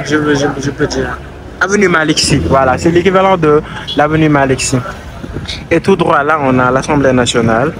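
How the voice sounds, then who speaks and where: Walking through a busy city with a handheld camera, a young man narrates his travel vlog in a relaxed, thinking-aloud way, often stopping and restarting. His voice is fairly high, and traffic and street sounds run underneath throughout.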